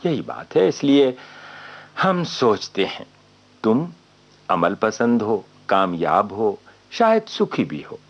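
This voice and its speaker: Reflective philosopher friend, slow and lecturing, lively pitch, dull old radio sound. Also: male voice, heavily acted. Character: thoughtful philosophical man musing on life. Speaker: radio drama actor.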